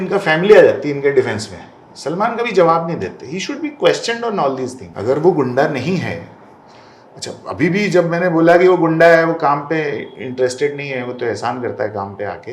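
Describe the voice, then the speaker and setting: A man's voice: a little high, reverberant, slight background noise. A man giving a candid interview as a guest. He talks bluntly and combatively and mixes Hindi with English phrases. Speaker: interview guest, film director.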